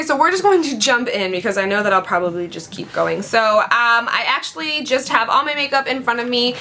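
Sitting at her vanity at home, a twenty-something beauty vlogger talks while applying makeup, chatty and playful in a casual tutorial. Her voice is slightly raspy, on the high side and sharp-toned, with faint background music and a bit of noise.

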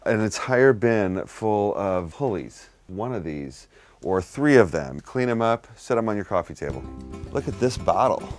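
A man's voice: lowish voice, expressive, measured pace. A man hosting an on-location tour for a furniture brand, enthusiastic and admiring, sometimes drawing words out. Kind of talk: presenter narration and on-site chat. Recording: music playing underneath.

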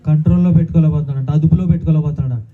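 A man's voice: on the high side, steady tone, rapid-fire. A man preaching a sermon as pastor, calling out hallelujah often and asking the congregation questions. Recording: tinny phone-like sound.

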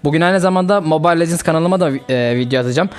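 A young man hosting a gaming channel, chatting casually and reacting excitedly to a mobile fighting game as he plays. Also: on the high side, racing, clean tone, faint music behind.

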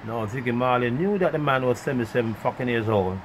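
A man delivers a rambling, profane monologue, bursting loud one moment and muttering under his breath the next. His voice sits at an ordinary middle pitch. Faint background noise hums under the recording. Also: fast. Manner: rambling, swinging between loud outbursts and muttered asides. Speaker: vlogger.

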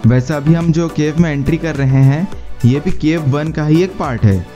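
A man narrating a travel guide in a steady, explanatory tone, mixing English words into his speech. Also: a little high, normal speed. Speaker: travel vlogger. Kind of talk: scripted voice-over narration. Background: faint background music.

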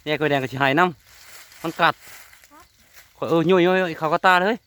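Out among rural trees, a vlogger with an Isan Thai accent chats casually to viewers, repeatedly calling out to them. His voice is a little high, smooth and sharp in tone, at normal speed.

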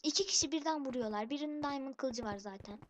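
Irritated high-voiced woman gamer, noisy recording. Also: fast talker. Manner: irritated, complaining, calls rivals noobs. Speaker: gaming channel host. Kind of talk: let's play commentary. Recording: noisy background hiss.

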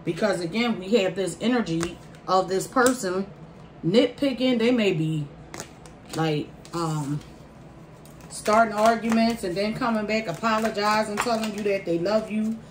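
A woman's voice: mid-range voice, measured pace. Lady doing a casual tarot reading, repeats herself for emphasis, mic kinda far, bit of background noise. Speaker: tarot reader. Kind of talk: casual tarot card reading, speaking to viewers. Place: indoor room at a table by a window. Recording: roomy, distant mic, faint background noise.

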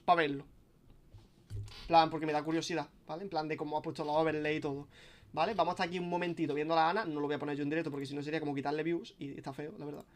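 A young man streams and chats on and on. His voice sits somewhat high for a man, and his sentences restart often and carry casual swearing. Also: little pitch movement, very fast. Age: young adult. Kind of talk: casual live-stream chat.

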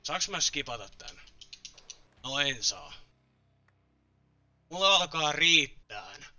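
A man's voice: on the high side, big pitch swings, bright, forceful tone, clean tone, no room sound, dull audio. A man streaming a video game live, muttering frustrated, swearing commentary.

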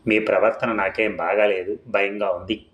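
A man's voice: on the low side, fairly even intonation, moderate pace, dull audio, close to an everyday voice. Worried young wife, read by a male narrator. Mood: pleading. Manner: worried, pleading. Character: anxious young wife, fearful and pleading. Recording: echoey room.

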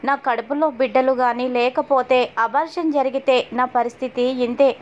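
A woman's voice: sits high, fairly even intonation, normal speed, close to an everyday voice. A woman voicing an anxious, tearful pregnant young wife in a pleading first-person lament. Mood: anguished. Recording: dull lo-fi audio.

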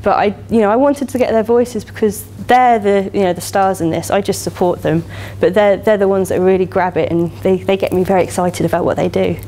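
An English woman in her thirties giving an upbeat, chatty keynote from a lecture hall stage. Her voice is mellow and warm, and she talks with lively enthusiasm, leaning on casual fillers. The room mic catches her from a short distance, with a faint hiss underneath. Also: mid-range voice, fairly quick, hardly any pauses. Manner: enthusiastic, chatty, many "you know" fillers. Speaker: keynote speaker. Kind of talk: conference keynote talk. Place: lecture hall, standing by a lectern.

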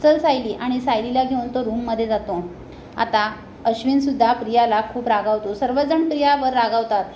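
A woman narrating a recap of a TV serial episode in a plain, steady storytelling manner. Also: a little high, moderate pace, echoey room, slight background noise, low-quality recording. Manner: plain, steady retelling with many "now"s.

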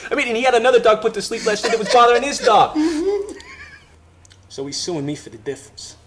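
An actor playing a foul-mouthed man who schemes and tells a crude story in animated, profane indie film dialogue. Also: very high voice, quick pace, a little hiss or hum, exaggerated voice. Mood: hushed.

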